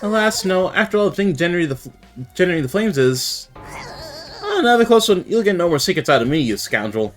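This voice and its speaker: A man puts on a melodramatic young student soldier, raised higher than his usual voice, who speaks in grand, old-fashioned phrases. He delivers every line with lofty conviction. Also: big pitch swings, a little fast, soft background music. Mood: grandiose.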